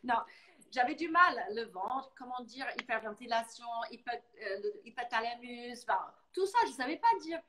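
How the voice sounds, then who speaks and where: A woman from Boston with an American English accent, talking casually as a guest and telling stories in lively fashion, slipping into English now and then. English is her first language. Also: a little high, normal speed, low-quality recording. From Boston, United States. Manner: animated storyteller, mixing in English words. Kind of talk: casual live talk.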